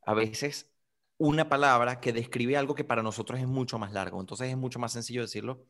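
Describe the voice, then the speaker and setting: A man's voice: mid-range voice, steady tone, a little fast, fairly bright tone. Guy chatting about languages, acts out examples, normal voice. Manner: explains with acted-out examples. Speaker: violin teacher. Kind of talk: casual chat.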